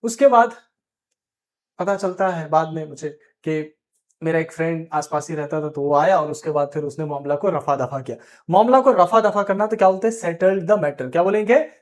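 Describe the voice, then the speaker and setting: A man with an Indian accent teaching spoken English in Hindi, drilling phrases in slow, emphatic English and urging students to repeat. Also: on the high side. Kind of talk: classroom lesson.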